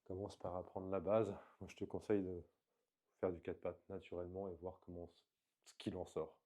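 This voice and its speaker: A man talking through slow floor exercises in a calm, explanatory vlog, coaching the viewer as he moves. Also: sits low. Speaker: movement coach. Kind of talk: instructional vlog.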